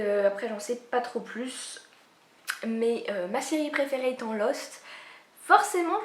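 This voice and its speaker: A woman book vlogger chatting casually about upcoming releases, rambling with many fillers and restarts. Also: mid-range voice. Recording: echoey room.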